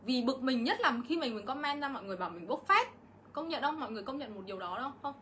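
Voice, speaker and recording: A woman's voice: high-pitched, expressive, rapid-fire, a bit bright, slight background noise. A middle-aged woman, ranting on a casual livestream vlog and hitting back at her critics with indignation. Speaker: vlogger.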